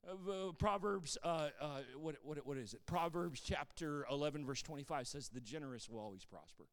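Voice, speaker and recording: High-voiced animated male preacher in a hall. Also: fairly quick. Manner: animated preaching, swings between shouting emphasis and quiet asides. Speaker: pastor. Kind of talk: sermon.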